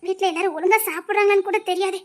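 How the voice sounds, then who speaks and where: A woman playing a very high-pitched tearful young wife. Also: fairly even intonation, very fast. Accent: Tirunelveli Tamil. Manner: tearful, sobbing, hesitant. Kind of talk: web series family drama.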